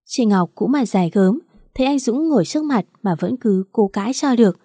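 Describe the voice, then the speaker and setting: A woman reading a first-person story in an even, unhurried narration. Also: fairly high pitch, no echo, studio quality.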